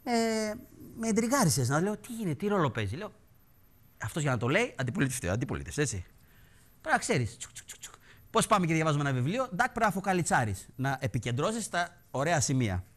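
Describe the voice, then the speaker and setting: High-voiced mocking male TV host. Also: very animated, a bit bright. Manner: mocking, theatrical, sing-song teasing. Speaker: TV show host. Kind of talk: satirical political commentary.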